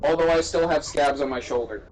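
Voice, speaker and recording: A man's voice: fairly high pitch, fairly quick, rough recording. Foul-mouthed man telling a story. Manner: profane, animated storytelling. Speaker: gamer chatting on voice call. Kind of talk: casual chat.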